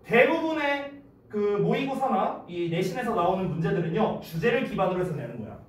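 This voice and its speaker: A man tutoring English in a casual lecture. He keeps checking whether students follow and acts out lively examples. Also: high voice. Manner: keeps checking understanding with quick questions; lively, gives acted-out examples. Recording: echoey room from far off, faint noise.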